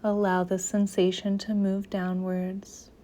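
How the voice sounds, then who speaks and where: A woman leads a guided meditation at a measured pace, her mid-range voice soft and soothing yet completely flat in delivery. Many of her phrases fade away until they're almost whispered.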